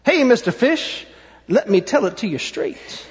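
A man's voice: very high-pitched, sing-song, a little slow, heavily acted. A man voicing a blunt, scolding male octopus in a storybook reading. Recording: muffled sound, long hall reverb.

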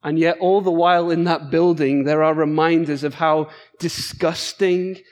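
A man delivers a sermon from the pulpit in a fairly high voice. He reads scripture aloud, then preaches with emphatic repetition of short phrases. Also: fairly even intonation, moderate pace. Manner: emphatic, repeats key phrases.

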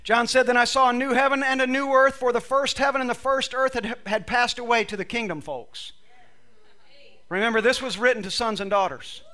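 A preacher with a very high, sharp voice speaks fairly quickly to a congregation at a church service. Repeating phrases for emphasis, he reads from scripture while he is losing his voice.

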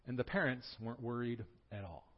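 Man in his forties, pastor, sermon, storytelling with humor, middle pitch, slightly muffled recording. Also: fairly quick. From Southern California. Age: 40s. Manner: prays softly, then preaches with lively storytelling and humor.

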